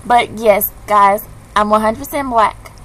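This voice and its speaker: A woman in her twenties venting in a casual video blog, ranting in an animated, slangy way. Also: mid-range voice, unhurried, rough recording. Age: 20s. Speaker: vlogger. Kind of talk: casual chat.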